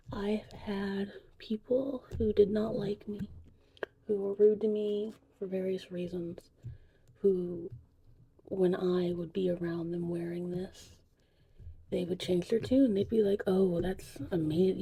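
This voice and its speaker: In an ASMR witch potion tutorial roleplay, a female host whispers softly and breathily at an unhurried, chatty pace. Her mid-range voice is creaky and slightly rough, and the audio quality is poor.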